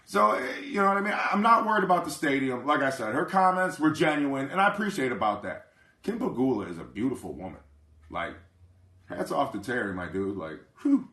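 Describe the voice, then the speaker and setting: A man's voice: mid-range voice, very animated, a little fast, bright, forceful tone, roomy sound. A man hosting a casual live chat, brash and profane, rambling and often asking if listeners follow him. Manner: keeps asking "you know what I mean". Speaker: livestream host.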